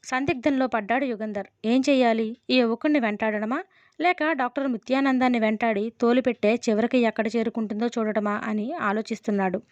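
A woman's voice: on the high side, steady tone, brisk, a little mellow, no room sound. Woman narrating a suspense audiobook. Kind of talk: reading a suspense novel aloud. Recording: dull, dry close recording.

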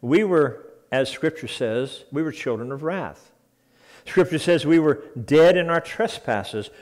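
A man's voice: a little high, expressive, unhurried, darkish tone. A man preaching a sermon in a church, earnest and emphatic, repeating key phrases for weight. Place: church sanctuary.

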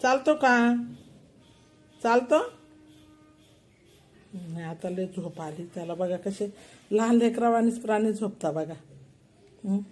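A woman's voice: fairly low pitch, steady tone, moderate pace, dark tone. An older woman, talking casually to her pet cats at home and cooing to them in baby-talk. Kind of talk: casual home video narration.

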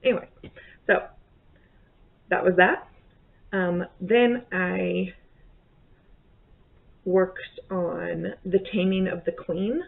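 Speaking at a fairly low pitch with a gravelly quality, this book vlogger in her thirties draws out words, keeps a fairly even intonation, and leaves long pauses. Recorded indoors at home on a desk webcam with tinny, phone-like audio, she talks casually about her month's reading, rambling and correcting herself.

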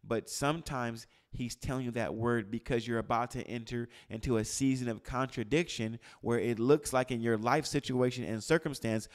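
Male preacher, mid-range voice, teaching a live group; calls on listeners by name, goes from loud to hushed. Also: mid-range voice, moderate pace, hardly any pauses. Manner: quizzes the room, calls on people by name; animated, swings from loud to hushed. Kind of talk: interactive sermon. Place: church gathering with a live group.

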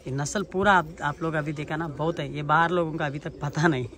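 A man's voice: fairly high pitch, steady tone, fairly quick, fairly bright tone. A man casually walking visitors around his outdoor pigeon loft and explaining his birds. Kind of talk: casual vlog walkthrough. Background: pigeons cooing.

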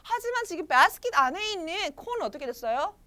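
A woman leads a children's storybook English lesson with a high, lively, sing-song voice. She keeps asking her young listeners questions as she explains. Her tone is bright and ringing. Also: fast talker.

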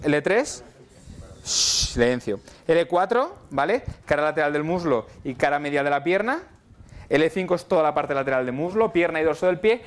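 Man giving a lively lecture. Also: fairly high pitch. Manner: casual, asks "¿vale?" often, addresses students directly. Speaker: physiotherapy lecturer. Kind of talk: university lecture. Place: lecture hall.

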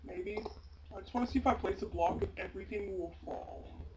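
Woman, casual gameplay commentary, excitable, middle pitch, loud hiss behind. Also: fast. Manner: excitable, chatty, sudden loud exclamations. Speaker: gameplay video maker. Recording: loud background noise.

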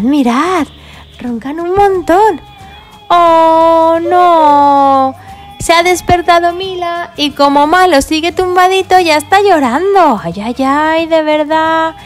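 A woman's voice: high voice, expressive, a little slow, faint music behind. A woman presenting toys and explaining them cheerfully to children. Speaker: toy video presenter. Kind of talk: toy play and review for children.

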